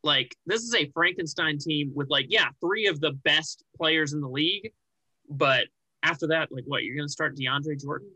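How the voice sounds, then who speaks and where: Young man, podcast co-host, very bright voice, dry close sound, rambling and animated. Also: fairly high pitch, normal speed, dry recording, low-quality recording. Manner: animated, rambling, many restarts and "like" fillers. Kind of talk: casual sports chat.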